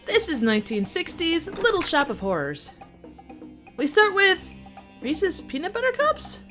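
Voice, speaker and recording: High-pitched, animated woman narrating a wry review. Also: unhurried, music in the background. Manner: wry, wisecracking. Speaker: film review host. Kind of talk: scripted comedic review narration.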